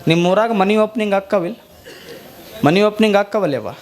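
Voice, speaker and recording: A monk preaches a sermon to a gathering, telling folksy stories in a North Karnataka Kannada accent. He is a man with a high-pitched voice, and he switches between parables and plain talk. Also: moderate pace. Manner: storytelling, folksy.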